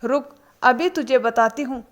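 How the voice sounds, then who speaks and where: A quick-tempered mother-in-law in her later years, voiced by a woman storyteller. She scolds loudly in a fairly high voice, taking her time over each line. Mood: angry. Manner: scolding, loud.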